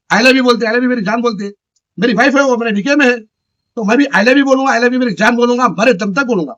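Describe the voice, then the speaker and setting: A man rants straight at the camera. His voice sits high and bright, and he hammers the same phrases over and over in short, loud bursts. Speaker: local news channel chairman. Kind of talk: ranting address to camera.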